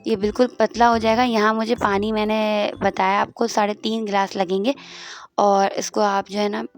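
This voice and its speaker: A woman's voice: medium pitch, level tone, moderate pace, soft background music. A woman hosting her own cooking channel, walking through a home recipe step by step and repeating instructions as she stirs. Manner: homely, repetitive step-by-step instructions.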